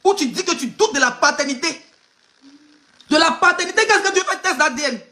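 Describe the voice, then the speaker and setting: Fast, high, bright Ivorian woman ranting. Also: animated. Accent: Ivorian French. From Côte d'Ivoire. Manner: emphatic, mocking, talks straight at the person she criticizes, laughs often. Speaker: online gossip blogger. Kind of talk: live video commentary.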